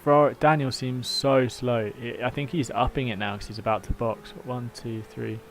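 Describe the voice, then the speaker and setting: A man's voice: medium pitch, fairly even intonation, normal speed. British man, casual streamer and race engineer, matey delivery, faint hum and engine noise behind him. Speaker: livestream host and sim racing team engineer. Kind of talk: casual livestream chat mixed with race updates.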